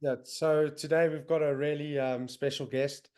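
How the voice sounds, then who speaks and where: A young man with a South African accent hosts a podcast over a video call from his home in northern England. His voice sits on the high side, clear and resonant, a little mellow, with a level tone and moderate pace. The chat is loose and enthusiastic, thick with fillers.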